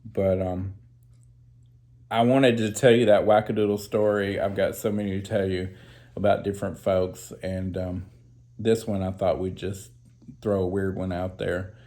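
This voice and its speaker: A man's voice: sits low, flat delivery, measured pace, dark tone. A man with a Southern American accent, telling a personal story in a rambling, chatty way with plenty of asides. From Southern United States. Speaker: storyteller vlogger.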